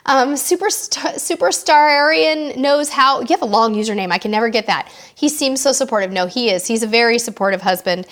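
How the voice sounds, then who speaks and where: Bubbly high-voiced woman hosting live chat. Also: a bit bright. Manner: bubbly and chatty, quick asides. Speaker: host of a live cruise Q&A. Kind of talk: casual live-stream chat reading viewer comments.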